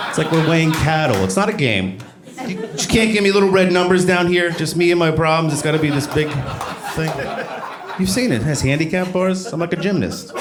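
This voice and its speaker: A man performing observational stand-up comedy, telling stories in an animated way and acting out exchanges. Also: on the high side, a little fast, crowd noise. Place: live comedy show before an audience. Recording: echoey room, clear background noise, live audience.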